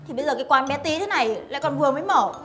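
A woman's voice: sits high, expressive, very fast, faint music behind. A woman playing an emotional mother and shop owner who pleads and frets. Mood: pleading.

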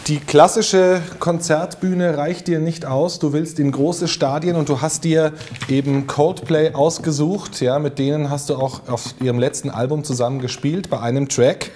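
A man's voice: fairly high pitch, fairly even intonation, moderate pace, darkish tone, slight background noise. A man in his thirties conducting a teasing mock interrogation, putting questions and accusations in a needling, provocative way. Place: small indoor studio room.

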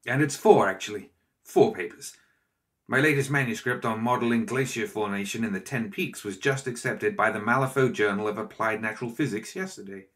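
A man voicing a kindly, eager older male scientist with a jovial, warm manner, in an audiobook. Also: lowish voice, a little fast, lightly acted. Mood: proud, wry. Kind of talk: audiobook character voice.

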